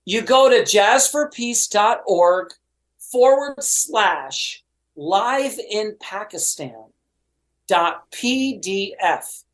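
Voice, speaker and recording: A man's voice: high voice, extremely slow, poor audio. A man speaking as a podcast guest, telling a long story with energy, peppering it with "you know" and acting out what people said. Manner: lively storyteller, many "you know"s and quoted voices. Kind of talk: animated anecdote telling.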